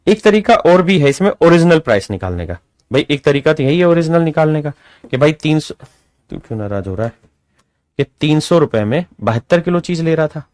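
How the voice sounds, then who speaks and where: Man, maths teacher, fairly high pitch, dry close mic, lively and coaxing. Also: a little fast, no room sound. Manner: lively, calls students "my dear children", rhetorical questions. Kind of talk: classroom maths lesson.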